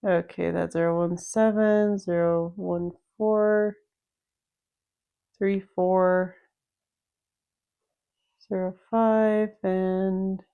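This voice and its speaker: Woman, gameplay walkthrough commentator, clear voice, slow easygoing explaining. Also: medium pitch, little pitch movement, lo-fi sound. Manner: unhurried, explanatory, thinking aloud. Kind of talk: casual game walkthrough commentary.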